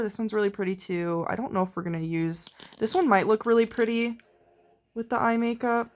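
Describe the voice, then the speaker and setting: A woman doing a casual makeup tutorial, chatty and excitable, rambling between quiet asides and sudden bursts of enthusiasm. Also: medium pitch. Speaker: beauty vlogger. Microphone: camera mic while filming herself.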